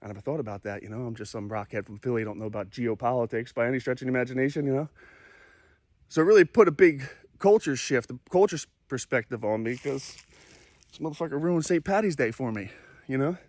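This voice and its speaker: A man's voice: mid-range voice, fast talker, darkish tone, no room sound. Philly guy in his 40s telling a story, swears a lot, laid back, keeps saying you know. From Philadelphia, USA. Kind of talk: casual spoken anecdote.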